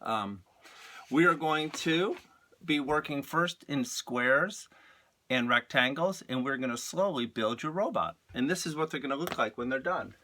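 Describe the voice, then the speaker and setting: A man's voice: medium pitch, lively intonation, sharp tone. A man teaching an art lesson to young children, explaining patiently and spelling words out for them. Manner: slow, patient, spells things out.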